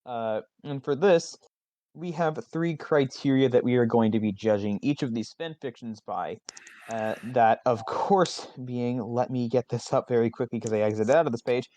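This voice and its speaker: Male host for a live community stream, loose jokey delivery, dry close mic, mid-pitched voice. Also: normal speed, a little mellow, no echo. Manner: loose, joking, swears casually. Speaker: host of a fan fiction contest stream. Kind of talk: casual hosting chat.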